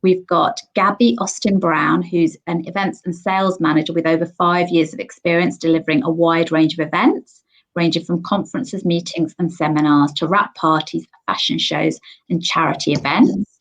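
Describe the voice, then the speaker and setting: A woman's voice: lowish voice, steady tone, normal speed, low-quality recording. Upbeat woman hosting a live webinar. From Sri Lanka, raised in England. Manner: chatty, upbeat, many ums. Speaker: host.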